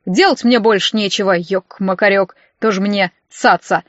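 A woman's voice: medium pitch, dry recording, lightly acted. A woman voicing a sly, pushy wealthy old man who drags out his words and turns snappish, on a dull, dry recording. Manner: drawn-out wheedling, turning snappish.

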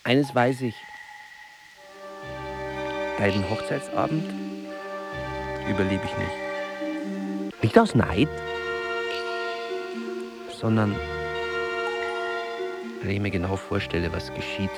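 An older male actor with a low, gravelly voice plays a tormented, lonely old artist who is brooding and lovesick in a literary radio play of monologue and dialogue. His anguished delivery is theatrical, halting, and weighty, with repeated words. Music plays behind his voice.

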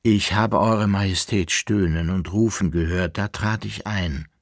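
A man's voice: low voice, unhurried, dry recording, studio quality. A man doing a fussy servile valet. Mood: deferential. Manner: deferential, officious.

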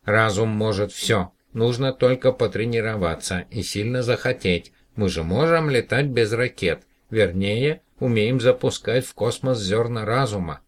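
A small green alien from another planet, thoughtful and patient, as a man reads him. He speaks in a lifted, somewhat husky register and lays out his ideas earnestly in this storybook. The tone stays mild. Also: fairly low pitch, a little slow, hardly any pauses, voice pushed up.

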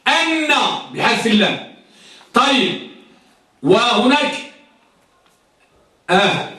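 A man with a high, bright voice teaches grammar to a classroom, firing questions at his students and drilling each rule again and again. He is picked up from a distance, and the bare room rings with echo around him. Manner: quizzes students, repeats and drills points. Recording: echoey classroom recorded from afar.

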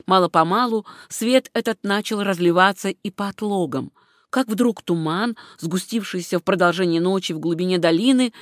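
Steady storybook narrator, mid-pitched voice, super dry close recording. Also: no echo. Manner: steady measured reading. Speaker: audiobook narrator. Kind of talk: scripted narration.

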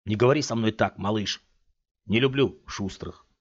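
A man's voice: on the low side, normal speed, breathy edge. A man voicing a young male street thug in a cap, a mocking and menacing bully. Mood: taunting. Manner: mocking, snarling, barked threats. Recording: dull lo-fi audiobook recording.

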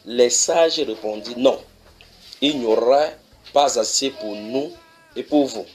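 A man preaching in a church, reading scripture verses slowly and then explaining them, often asking his listeners whether they follow. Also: mid-range voice. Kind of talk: sermon teaching.

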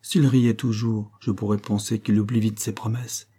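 A quiet, serious young girl who speaks softly and slowly, as a man reads her. The voice stays warm and mellow. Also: fairly low pitch, little pitch movement, natural voice. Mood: earnest. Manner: soft, serious.

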